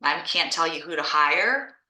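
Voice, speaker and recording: A woman's voice: sits low, lively intonation, unhurried, pushed and bright, reverberant, low-quality recording. A woman who founded an art school franchise and teaches art, presenting on a video call in a chatty, enthusiastic way and often restarting her phrases.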